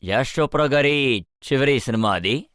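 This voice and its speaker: A man's voice: medium pitch, animated, moderate pace, a bit bright, smooth, dry recording, studio quality. A man hosting a television interview, asking his guest teasing questions. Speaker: TV interviewer host.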